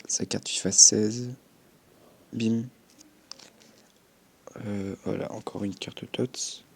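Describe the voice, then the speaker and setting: Husky-voiced young man commenting a game. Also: lowish voice, fairly even intonation, very slow. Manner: chatty, swears offhandedly, punctuates with sound effects. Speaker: gaming YouTuber.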